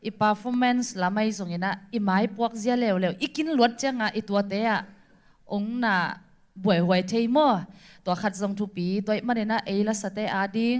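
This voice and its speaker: A woman's voice: medium pitch, fairly even intonation, moderate pace, darkish tone. Woman in easygoing casual chat.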